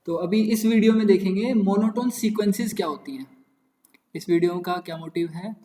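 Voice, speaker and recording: A man's voice: high voice, normal speed, dark tone. A young man teaching maths in a casual lecture, repeating words playfully and muttering asides. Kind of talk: casual Hindi-English lecture. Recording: echoey room.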